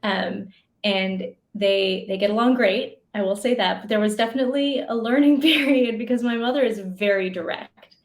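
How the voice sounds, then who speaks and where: A woman speaking as an interview guest, working through her ideas with fillers and small asides. Her voice sits at a medium pitch. It carries a noticeable roomy echo. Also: normal speed. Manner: thoughtful, many fillers and asides, laughs often. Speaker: podcast guest, educator. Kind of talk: conversational interview answers.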